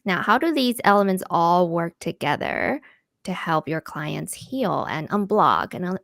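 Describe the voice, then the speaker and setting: Low-voiced woman hosting an interview. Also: gravelly, no echo, clean studio sound. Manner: warm laughs, short affirmations. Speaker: live-stream host. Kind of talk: casual interview talk.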